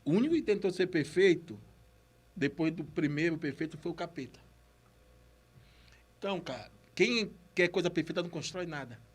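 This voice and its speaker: On an entrepreneurship podcast, a man with a Brazilian accent and a slight stammer chats casually and motivationally, full of slang and exhortation, and he repeats himself. His voice sits a little high with lively intonation, moving at normal speed with frequent pauses and a slightly rough texture.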